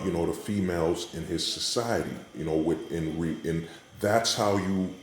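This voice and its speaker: A man giving an unscripted, opinionated monologue in an emphatic way, often checking in with the listener, recorded in a hallway. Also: deep voice. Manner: emphatic, repetitive rhetorical check-ins with the listener. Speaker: vlogger giving commentary. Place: indoors in a hallway. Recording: echoey hallway, faint background noise.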